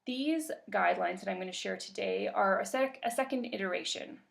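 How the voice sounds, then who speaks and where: Presenting a webinar, a workshop facilitator from Canada keeps a calm, measured delivery, now and then dropping in a filler word. She speaks at a medium pitch with noticeable vocal fry.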